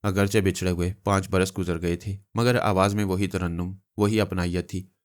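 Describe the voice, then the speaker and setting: This is a man reading a novel aloud in a steady, dramatic audiobook style. His voice is low. It sounds smooth and resonant. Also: normal speed. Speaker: storyteller.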